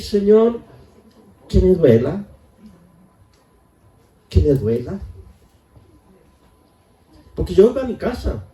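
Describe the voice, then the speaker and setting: Older pastor, fairly high voice, folksy sermon w jokes, echoey church from afar. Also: male voice, dark tone, recorded from a distance. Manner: folksy, joking asides, pleading repetitions. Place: church hall.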